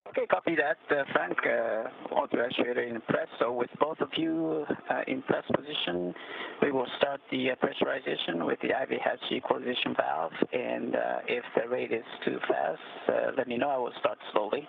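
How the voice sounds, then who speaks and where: A man on a space-to-ground radio link, directing a spacewalk with measured procedural callouts and frequent "uh" pauses. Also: medium pitch, fairly even intonation, vocal fry. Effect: space-to-ground radio transmission. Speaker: crew member directing a spacewalk. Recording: tinny radio line with faint static.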